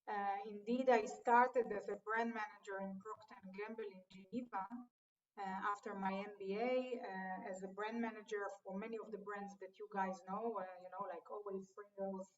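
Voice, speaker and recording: A woman from Israel, a guest in a live online interview, speaking in a friendly, measured way. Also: mid-range voice, steady tone, recorded from a distance, muffled recording.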